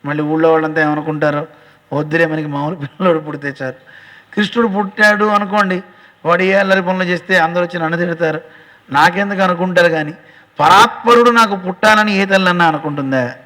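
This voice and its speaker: A man giving a devotional storytelling sermon as a religious teacher, animated, acting out dialogue and addressing listeners directly. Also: sits high, fast talker. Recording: long hall reverb.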